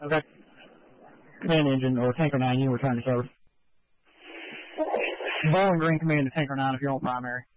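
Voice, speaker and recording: A man of average pitch commands a fire scene by radio. His short directives come fast. The sound is dull and dry. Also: steady tone, noisy background. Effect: two-way radio. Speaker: incident commander. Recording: muffled lo-fi two-way radio.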